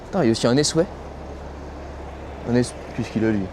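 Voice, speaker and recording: A man's voice: mid-range voice, fairly quick. A young man from France vlogs on his phone at a cold, windy truck stop. He talks in loose, slangy French-style banter straight to his viewers. Faint traffic and outdoor noise run underneath. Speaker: truck driver vlogger. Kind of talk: casual vlog chat.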